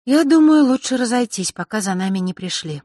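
A man voicing a calm, sly young fairy girl in an audiobook, speaking gently and innocently. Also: high-pitched, a little fast, dry recording, clean studio sound, pitched above the performer's own voice.

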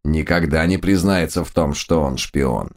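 A man's voice: extremely low pitch, darkish tone. A man voicing a trio of pompous, dim raccoon judges of a holy order, drawing out preachy phrases that start with a solemn "O". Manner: drawn-out, preachy, every phrase opened with "O". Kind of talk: audiobook character voice.

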